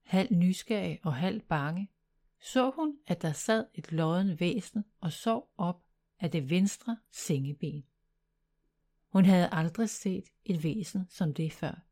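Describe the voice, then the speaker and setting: Warm, low-voiced woman reading a bedtime story. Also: lively intonation.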